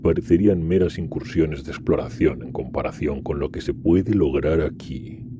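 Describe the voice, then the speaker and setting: In a fan audio drama, a man plays a scarred, ambitious Iron Warrior, speaking low, measured, bitter, and commanding with a determined mood. The background is noisy.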